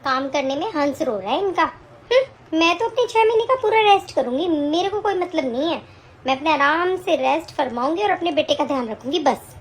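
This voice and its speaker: Bossy young daughter-in-law, high-pitched and commanding, played by a woman. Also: expressive, a little fast, a little hiss or hum. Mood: scornful. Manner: scolding, commanding. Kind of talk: amateur family drama acting.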